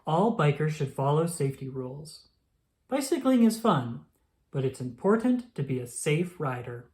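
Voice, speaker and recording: A warm, medium-pitched narrator reads a children's picture book in a lilting, sing-song manner at a moderate pace. The storytelling is clearly articulated and meant to teach.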